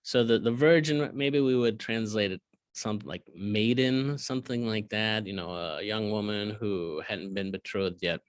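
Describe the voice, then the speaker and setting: A man leading a Bible study as a priest, reading verses aloud and explaining them in casual asides, often clearing his throat. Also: on the low side, moderate pace, dry recording. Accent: Southern American. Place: cathedral.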